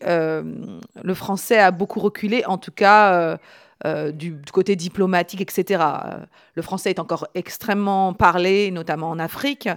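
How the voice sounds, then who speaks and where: A woman hosts an interview, speaking in a low voice. She thinks aloud in a measured way and fills her pauses now and then. The sound is dry and close. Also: smooth, no echo. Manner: measured, thoughtful, with fillers. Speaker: host. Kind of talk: interview hosting.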